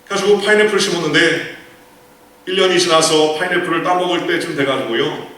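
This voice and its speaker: A man's voice: on the high side, fast talker, bright, forceful tone. A male pastor preaching a sermon, telling a story with rhetorical questions and quoted lines. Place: large church sanctuary. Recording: echoey church hall from far off.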